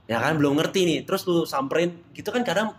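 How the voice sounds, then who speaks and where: A man's voice: on the high side, quick pace, a little hiss or hum. A man in a casual podcast discussion, explaining training habits and asking follow-up questions.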